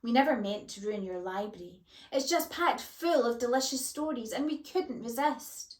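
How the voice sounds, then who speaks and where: Gentle giant bookworm, female, played by a woman reader, higher voice, roomy sound. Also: expressive, moderate pace, close to an everyday voice. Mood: kind. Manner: warm and gentle. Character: big friendly kind female bookworm. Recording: roomy echo.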